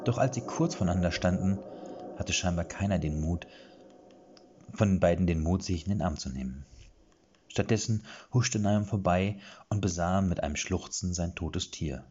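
A man's voice: low-pitched, normal speed, dark tone, husky, dull audio. A man narrating a fantasy story expressively, acting out the dialogue.

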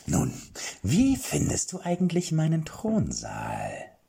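A shrill mad old king. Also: wildly swooping pitch, slow pace, dark tone, exaggerated voice. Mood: deranged glee. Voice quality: high, old-sounding, shrill, slipping into whispers. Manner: manic, sing-song, sudden whispers and shrieks. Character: deranged old male king, shrill, cannibal, giggling. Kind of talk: audiobook character voice. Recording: clear background music.

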